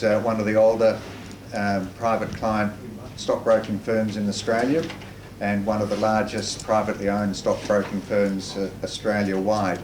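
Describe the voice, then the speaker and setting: Businessman talking low and flat, far off the mic, echoey noisy room. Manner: measured, with repeated restarts. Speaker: stockbroker. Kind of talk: formal business interview.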